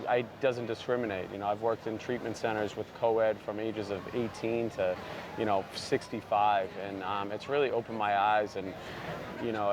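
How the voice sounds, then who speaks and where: Outdoors at a busy trade convention, with noise all around, the founder of a barber brand gives an earnest sit-down interview. His lowish voice is peppered with "you know" fillers.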